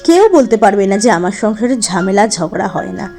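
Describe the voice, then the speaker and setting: A woman gives gentle, advising motivational voice-over and slips English phrases in. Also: mid-range voice, very animated, normal speed, gravelly. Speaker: lifestyle vlogger. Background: faint background music.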